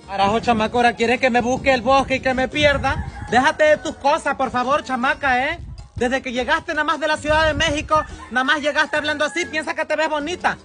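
A man's voice: very high voice, a little fast, soft background music. A man playing Doña Godoleva, a brash, bossy village mother with a Mexican coastal accent, in a comedy sketch. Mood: scolding. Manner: scolding, loud and exasperated.

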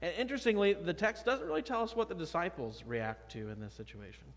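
Pitched on the high side, this man talks fast and very animatedly. He's a thirties-aged pastor preaching emphatically but conversationally from a sanctuary pulpit, recorded through the pulpit microphone and a far camera amid lingering church reverb.

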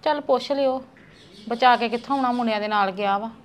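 A woman's voice: on the high side, a little fast, a little hiss or hum, natural voice. A woman playing a worried middle-aged village mother who lectures her son. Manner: chiding, lecturing. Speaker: actor. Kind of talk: family drama skit.

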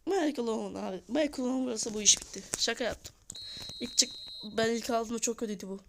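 A woman calls out casual commentary over her mobile football game, excitable and scolding her team, her voice a little hoarse. She talks fast in a slightly high pitch over a noisy background.

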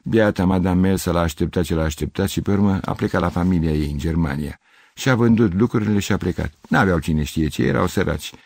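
A man's voice: deep voice, creaky, darkish tone, no echo. An older man voicing a plain-spoken tavern keeper telling what he knows. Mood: matter-of-fact.

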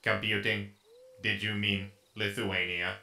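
Booming metallic robot. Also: male voice, measured pace, creaky, exaggerated voice. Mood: monotone menace. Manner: flat, mechanical, monotone delivery. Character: menacing male robot posing as a human teen. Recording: echoey with music behind.

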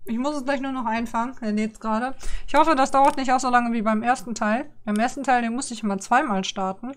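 A woman's voice: a little high, fairly quick. A woman streaming a game live, chatting casually, reading menus aloud and grumbling sarcastically at the login screens. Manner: reads on-screen text aloud. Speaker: livestreamer. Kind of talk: casual livestream chat.

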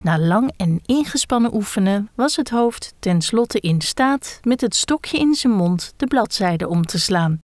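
A woman calmly reading a children's book aloud. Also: mid-range voice, measured pace, hardly any pauses, no room sound. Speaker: reader.

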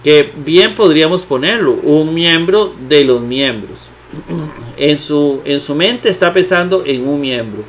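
A man walks through a grammar lesson in a slightly raised voice. He talks unhurriedly, repeating key terms, filling pauses with hesitations and checking in with rhetorical questions. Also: on the high side, expressive, a bit bright, a little hiss or hum. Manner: slow, repetitive, with many fillers and rhetorical questions. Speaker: Bible teacher.

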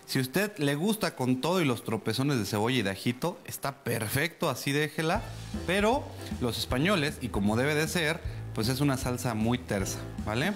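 A man, a TV chef explaining a recipe to viewers as he cooks, in a studio kitchen. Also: mid-range voice. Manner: explanatory, addresses viewers directly with frequent "¿vale?". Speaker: TV cooking show chef. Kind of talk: cooking demonstration.

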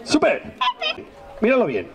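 A man's voice: sits high, huge pitch swings, unhurried, creaky, very noisy. A man working as a children's magician and entertainer, talking with playful, teasing patter and exaggerated exclamations. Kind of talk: lively show patter with children. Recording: outdoor event with crowd of children. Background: crowd of children.

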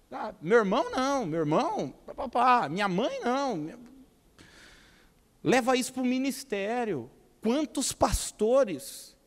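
A Brazilian man with a São Paulo state accent preaches a lively sermon, joking and acting out quoted people. His voice sits high for a man. The sound carries the long reverb of a church hall. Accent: Brazilian Portuguese, São Paulo state. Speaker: pastor.

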